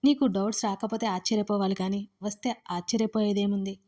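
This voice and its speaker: A woman's voice: medium pitch, fairly even intonation, fairly quick, mellow, lightly acted. Brief: woman reading as a teasing young woman friend, knowing and playful, close to her own voice. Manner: teasing, amused.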